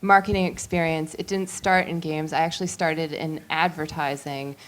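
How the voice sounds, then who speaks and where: A woman's voice: sits low, steady tone, moderate pace, rough recording. A woman introducing herself in front of an audience as a marketing executive at a live event. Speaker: chief marketing officer, panelist. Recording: live room with faint noise.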